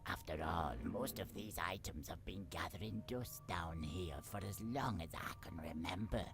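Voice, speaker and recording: A man voicing a grumpy old bearded household spirit in a video game, with a gruff, frowning, muttering delivery. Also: low-pitched, normal speed, over music. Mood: grudging, hungry. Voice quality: gruff, gravelly. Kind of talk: video game character dialogue.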